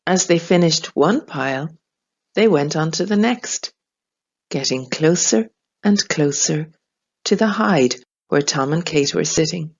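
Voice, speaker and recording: Slow expressive woman reading a children's story. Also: sits low, highs cut off.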